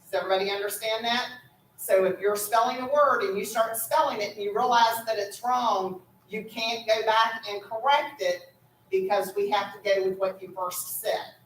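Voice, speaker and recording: A woman's voice: mid-range voice, steady tone, normal speed. A woman acting as pronouncer at a school spelling bee, patiently giving the rules and calling each word, often checking with "okay?". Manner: patient, instructive, repeats "okay?". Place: school room. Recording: echoey room from far off, faint noise.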